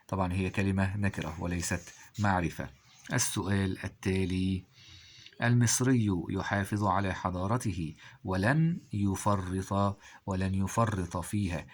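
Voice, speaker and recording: A male teacher with an Egyptian Arabic accent, walking through exam answers and prompting listeners with quick questions. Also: deep voice. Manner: quizzing listeners with rhetorical questions. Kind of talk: exam review lesson.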